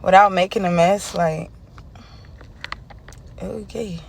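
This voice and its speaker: A woman's voice: on the low side, steady tone, takes it slowly, gravelly, a little hiss or hum. A woman food vlogger chatting casually and expressively to camera in slangy, playful speech from inside a car. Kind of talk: casual mukbang chat to camera. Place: inside a car parked on a busy city street.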